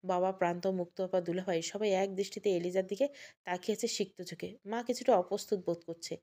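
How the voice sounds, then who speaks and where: A woman storyteller narrating an emotional family story in a steady voice. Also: mid-range voice, fast talker.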